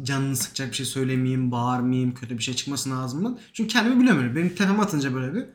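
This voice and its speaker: A man's voice: mid-range voice, fast talker, a little hiss or hum. A young man telling a personal story in casual chat, acting out what people said with lots of emotion. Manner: animated, emotional retelling with quoted dialogue. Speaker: podcast guest. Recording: echoey room.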